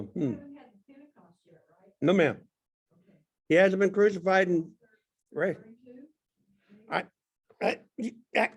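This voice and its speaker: A man leading a Sunday school class in casual, rambling talk, joking and restarting his sentences. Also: high voice. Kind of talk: casual Bible class teaching.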